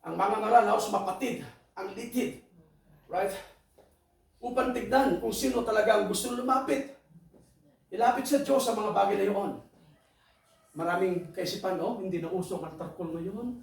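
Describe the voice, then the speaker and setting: A man preaching a sermon, emphatic, keeps asking the congregation "right?" and bursts into high shouts. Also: moderate pace, creaky, pauses often. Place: church hall. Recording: echoey hall, voice far from the mic.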